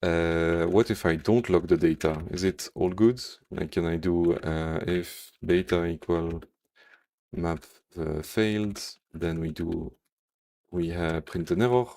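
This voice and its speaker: A Belgian man with a Belgian French accent codes on a live stream, answering viewers' chat while thinking aloud with plenty of fillers and humming to himself. His voice is low and darkish, with fairly even intonation and an unhurried pace.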